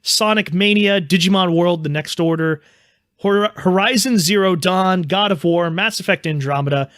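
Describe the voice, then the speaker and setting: A man's voice: high voice, normal speed, fairly bright tone, no echo, clean studio sound. A man hosting a casual video game podcast, upbeat as he leads the talk. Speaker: podcast host.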